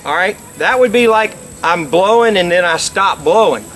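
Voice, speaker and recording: A middle-aged man with a notably high voice presents a practical how-to lesson. He explains each step and restates key points for emphasis, speaking outdoors. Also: expressive, moderate pace, a bit bright, faint music behind. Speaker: instructor, game call company presenter. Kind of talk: instructional how-to demonstration. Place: outdoors by a lake.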